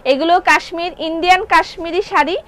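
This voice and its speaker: A woman with a sore throat selling clothing live in a showroom. She chats quickly, reads viewer comments aloud and keeps repeating prices and how to order. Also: very high-pitched. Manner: chatty, lively, repeats prices and order steps. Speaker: online clothing seller.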